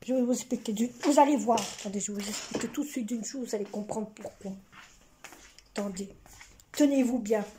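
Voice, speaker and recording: A woman's voice: a little high, a little fast, dark tone, slight background noise. A woman vlogging at home as a mother, chatting casually and speaking straight to her viewers.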